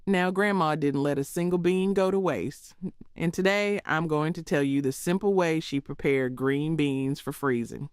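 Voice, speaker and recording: A woman's voice: low voice, normal speed, clear, resonant tone, no room sound, studio quality. A woman with a Southern US accent narrating in a homespun, preachy storytelling manner, as if passing on cooking wisdom from a script. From southern United States.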